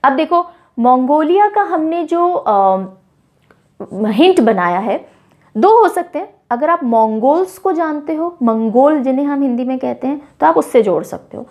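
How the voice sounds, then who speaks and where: A young woman teacher with a high, bright voice runs a lively mnemonic lesson. She mixes Hindi and English and acts out small playful scenes to make facts stick. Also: measured pace. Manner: playful, animated storytelling with mini scenes.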